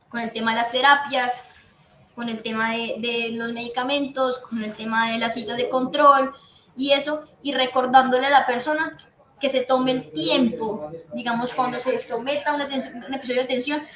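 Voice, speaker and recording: A woman's voice: high voice, fairly bright tone. A woman psychiatrist, giving an earnest, explanatory talk to patients' families and repeating her key points. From Colombia. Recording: echoey room with faint background noise.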